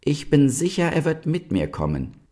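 A brave young doe from a storybook speaks high and clear with earnest resolve, as a male reader puts her on. Her lines rise and fall in lively swings. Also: normal speed. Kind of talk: storybook reading.

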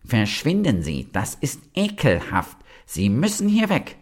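A man's voice: medium pitch, sing-song, unhurried, pitched above the performer's own voice. A man voicing a spiteful, fussy male toadstool in a children's story, scolding shrilly. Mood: shrieking.

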